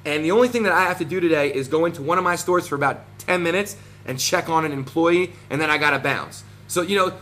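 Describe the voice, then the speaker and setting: A man's voice: a little high, fast talker, few pauses, a bit bright, slight background noise. A man in his thirties with a New Jersey accent, ranting combatively to camera with lots of fillers. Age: 30s. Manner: combative, boastful, many fillers. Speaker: vlogger.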